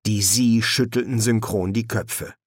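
A man narrating a novel as an audiobook, in measured, expressive storytelling. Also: on the low side, no room sound, studio quality. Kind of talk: audiobook reading.

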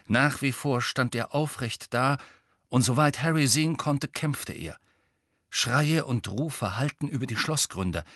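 A man narrating an audiobook in an expressive reading. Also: mid-range voice, no room sound, studio quality. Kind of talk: scripted narration.

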